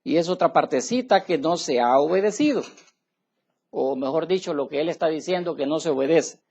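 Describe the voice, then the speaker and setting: A man's voice: on the high side, animated, fairly quick, vocal fry, darkish tone, breathy edge. A male preacher giving an emphatic sermon in a church. He keeps turning to his listeners to check that they follow him. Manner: emphatic, asks listeners "¿me entiende, hermano?". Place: church tabernacle.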